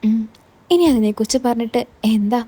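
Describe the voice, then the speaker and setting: Eager young man, gently questioning and consoling, mellow and fairly high, voiced by a woman reader. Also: steady tone, a little fast, slightly rough.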